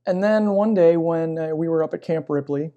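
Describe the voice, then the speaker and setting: A middle-aged man, a chaplain being interviewed, telling personal stories in a reflective, conversational way with pauses mid-phrase. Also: on the high side, mellow, highs cut off. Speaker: military chaplain and pastor, interview guest. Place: inside a church.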